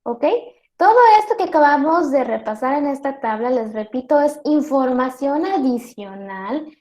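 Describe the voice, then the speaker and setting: High-voiced woman teaching, roomy echo. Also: animated, darkish tone. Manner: explains slowly with many spoken examples; checks in with the class. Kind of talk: virtual class lecture.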